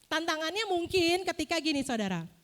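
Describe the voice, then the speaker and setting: A young woman giving a casual, lively sermon in a church, often asking the congregation questions. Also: very high-pitched. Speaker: preacher.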